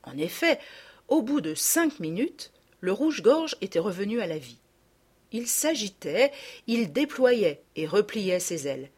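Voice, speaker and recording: A woman narrating a children's storybook in a lively, expressive reading. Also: mid-range voice, a little slow, slightly rough.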